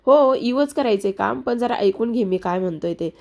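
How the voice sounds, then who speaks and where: A woman's voice: on the high side, lively intonation, moderate pace, creaky, dark tone. A woman reading a stubborn, caring young husband. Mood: bossy. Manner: firm, protective.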